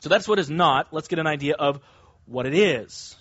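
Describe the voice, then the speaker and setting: High-voiced male preacher, emphatic and deliberate. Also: lively intonation, fairly bright tone, breathy edge, dry recording, highs cut off. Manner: emphatic, deliberate, with stressed key words. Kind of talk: expository sermon, teaching verse by verse.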